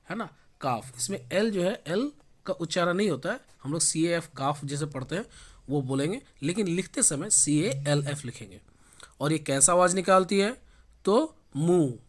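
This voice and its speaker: A man teaching an English revision lesson in Hindi, who asks questions and answers them himself and slows down to spell words letter by letter. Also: on the high side.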